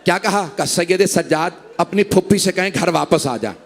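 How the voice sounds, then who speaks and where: A man's voice: high-pitched, normal speed. A male cleric delivering a Muharram mourning sermon in an imambargah hall, telling the story in a grief-laden, mourning tone.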